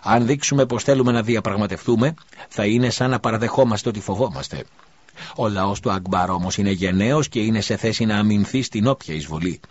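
A man doing a fiery scheming priest, husky and lo-fi. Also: sits low. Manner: raised, urgent, insistent. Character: agitated scheming male priest, forceful.

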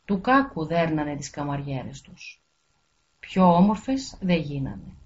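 A woman reading a fairy tale aloud in a steady storytelling manner, on a dull lo-fi recording. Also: sits low, a little hiss or hum.

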